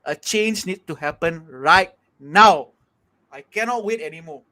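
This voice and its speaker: A man's voice: high voice, animated, measured pace, crowd noise. A man with a Malaysian English accent giving an emphatic, exasperated fan's rant on a football panel show. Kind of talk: passionate fan rant.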